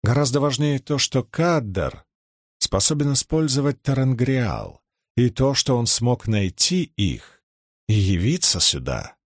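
Мужчина читает фантастический роман вслух, как рассказчик аудиокниги. Интонация у него живая и подвижная, голос заметно гуляет по высоте. Запись сухая, без эха в комнате. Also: male voice, mid-range voice, a little slow, no echo, clean studio sound. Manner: expressive storytelling reading. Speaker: audiobook narrator. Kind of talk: scripted fantasy narration.

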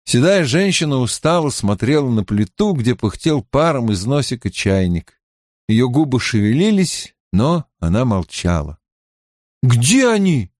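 A man narrating an audiobook in an expressive storytelling manner. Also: mid-range voice, normal speed, no room sound, clean studio sound.

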